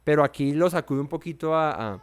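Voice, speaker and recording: A man teaches a verse-by-verse Bible study. His voice is clear and smooth and sits a little high. He keeps it playful, slipping into comic voices for the characters. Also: fairly quick.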